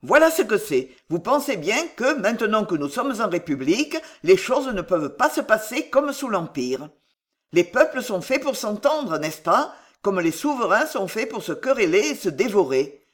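A reader voicing an excitable, jovial one-armed man who talks in loud exclamations. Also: medium pitch, moderate pace. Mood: earnest. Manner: exclamatory, lively.

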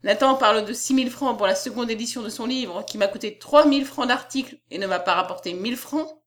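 Brief: a woman putting on a pompous, bossy male publisher, condescending and loud, storybook reading. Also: a little high, brisk, natural voice. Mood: boastful. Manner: boastful, condescending. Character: pompous fat middle-aged male publisher, domineering.

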